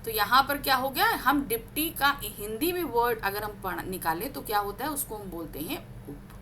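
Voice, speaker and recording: A woman teaching grammar, reading out word examples slowly with stress and asking her class questions she answers herself. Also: fairly high pitch, expressive, pushed and bright, a little hiss or hum.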